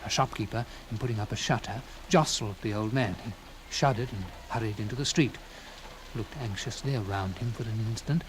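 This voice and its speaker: With a fairly low voice, a man reads a classic literary story in dramatic first person, his phrasing theatrical and deliberate with swelling emphasis. The recording is clearly noisy, with background ambience.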